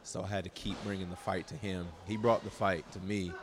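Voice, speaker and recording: A man's voice: low voice, fairly even intonation, brisk, a crowd in the background. A man, himself a wrestler, giving guest wrestling commentary and reacting to the moves live. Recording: noisy live event background.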